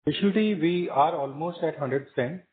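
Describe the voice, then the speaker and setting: A company executive with an Indian accent and a voice on the high side answers analysts spontaneously on an earnings call, explaining in a measured, matter-of-fact way. The audio comes through a muffled, narrowband conference call line.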